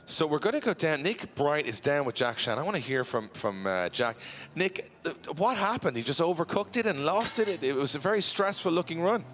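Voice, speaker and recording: Fast-talking male drift commentator. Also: on the high side, big pitch swings, a bit bright, slight background noise. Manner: chatty, quick, banters with co-host. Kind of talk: live motorsport commentary.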